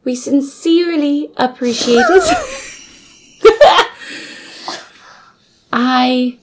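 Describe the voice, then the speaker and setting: A woman voicing an overly formal, posh mock-British hostess in a put-on British accent, with slow, drawn-out, sing-song delivery. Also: high voice, wildly swooping pitch, very noisy, voice pushed up, exaggerated voice. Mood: grandly formal. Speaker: podcast co-host.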